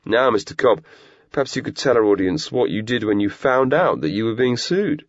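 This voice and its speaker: A man's voice: medium pitch, expressive, normal speed, dry recording, dull audio, pitched above the performer's own voice, lightly acted. A man voicing a pompous, sarcastic young male activist hosting a webcast, talking in a theatrical way. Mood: mocking.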